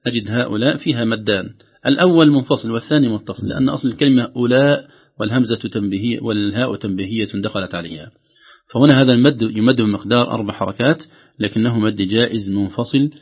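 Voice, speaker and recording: A man teaching recitation, his voice gravelly and a little husky. He talks briskly and slows down sharply on each quoted verse. The sound is muffled and lo-fi, like a broadcast. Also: medium pitch. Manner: measured, stretches out quoted verses slowly. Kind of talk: explaining recitation rules with spoken examples.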